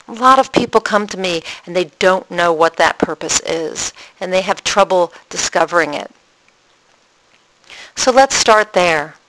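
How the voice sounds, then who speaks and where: A woman's voice: medium pitch, a bit bright, low-quality recording. A woman who works as a spiritual coach, talking listeners through a coaching tip in an earnest, explaining way with some fillers.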